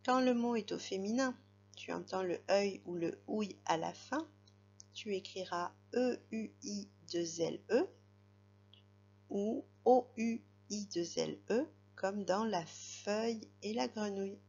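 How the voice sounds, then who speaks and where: Female teacher, patient dictation, gravelly voice, slow delivery. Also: mid-range voice, a little mellow. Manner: slow, patient, spelling words letter by letter. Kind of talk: spelling dictation lesson for a child. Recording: slightly dull, lo-fi recording.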